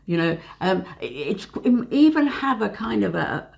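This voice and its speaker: A woman in her sixties, a therapist and co-host, talking in a calm, reassuring, reflective way with many fillers in a casual advice conversation. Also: mid-range voice, moderate pace, gravelly. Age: 60s.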